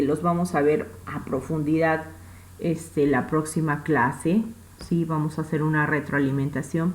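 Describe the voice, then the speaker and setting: A woman's voice: low-pitched, a little mellow, slight background noise, rough recording. A woman with a Peruvian Spanish accent, teaching a recorded English grammar class in a patient way, repeating points and checking that students follow. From Peru.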